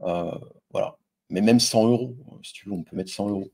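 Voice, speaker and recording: Casual male finance host, husky, warm low tone, chatty, swears freely, talks straight to camera. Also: very animated, moderate pace. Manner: loose and chatty, frequent fillers and crude slang; addresses viewer directly and informally. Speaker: stock investing video host. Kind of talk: casual screen-share investing explainer.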